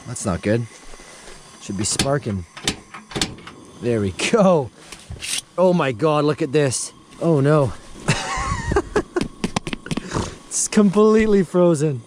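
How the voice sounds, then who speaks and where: A young man with a fairly high, animated voice vlogs while cooking beside his pickup truck in a snowy parking lot, speaking slowly with long pauses. Upbeat and chatty, he laughs often and talks to his viewers. The noisy outdoor audio comes from a camera mic, filmed handheld and from a head-mounted point of view.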